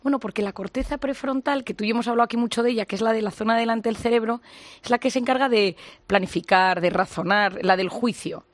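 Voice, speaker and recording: A woman talks it through as a psychologist, her voice sitting fairly high. She leans on everyday examples and acts out short quotes. The sound is dry and close, with no room around it. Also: fast, no room sound. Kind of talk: radio-style conversation.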